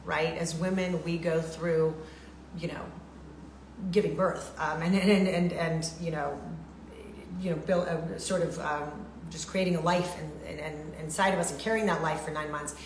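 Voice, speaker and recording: A middle-aged woman hosts a relaxed chat, rambling warmly with lots of ums and repeats. Her voice sits a little low, in a reverberant room with a faint hiss underneath. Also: normal speed. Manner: chatty, lots of fillers and repeats. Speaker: show host. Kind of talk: casual livestream chat. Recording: echoey room with faint noise.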